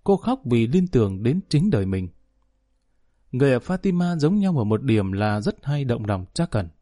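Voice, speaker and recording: A man narrating a novel as an audiobook, steady and measured. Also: mid-range voice, dry recording, studio quality.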